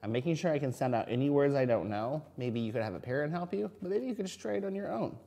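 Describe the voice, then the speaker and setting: A man's voice: a little high, expressive, fast talker, vocal fry, mellow. Male kindergarten teacher talking to young children. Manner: addresses young children directly, asking simple questions and answering them; sounds out words and letters. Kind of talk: reading lesson for young children.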